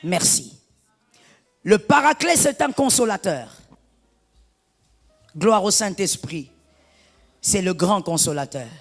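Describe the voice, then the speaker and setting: A middle-aged woman pastor delivering a sermon, animated and half-singing some phrases, breaking into shouts. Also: medium pitch, takes it slowly, long pauses, in a large hall, soft background music. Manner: animated preaching, lapsing into sung phrases and shouts.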